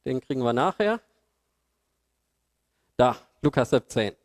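A man's voice: medium pitch, expressive, measured pace. A man preaching a sermon in a church hall, colloquial and humorous, asking his listeners questions. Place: church hall with projected slides. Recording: long hall reverb.

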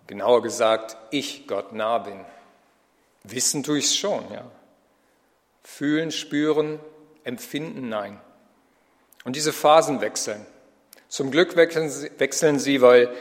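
A man's voice: mid-range voice, big-room sound. A man preaching a reflective sermon in a personal tone, with rhetorical questions.

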